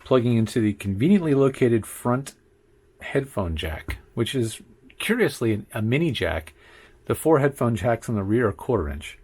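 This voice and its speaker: A husky, medium-pitched male voice at a moderate pace, with no room sound, belongs to a tech reviewer running a casual tutorial. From his home studio he talks into a condenser mic on a desk arm, relaxed and chatty, pausing often for mic checks and counting, with a faint computer hum behind.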